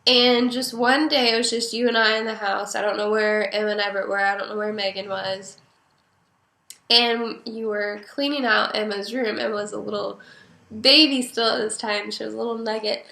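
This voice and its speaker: Giggly young woman, bright and gravelly. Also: mid-range voice, fairly even intonation, normal speed. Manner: chatty, giggly, rambling with many fillers. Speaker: daughter speaking to her mother. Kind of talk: casual personal storytelling. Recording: roomy echo.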